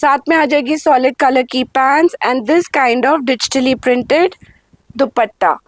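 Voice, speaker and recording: Woman, sales pitch, measured unhurried delivery, high voice. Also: no room sound. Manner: Hindi-English mix, swings between slow lingering prices and quick rundowns. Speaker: boutique sale presenter. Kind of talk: sales pitch showing garments.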